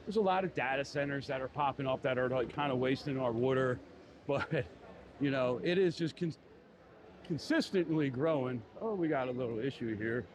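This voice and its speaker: Out on a busy city street, a Philadelphia-accented man walks and chats on his live stream, meandering and full of fillers like "you know." He has a mid-range voice and a moderate pace, with background noise audible.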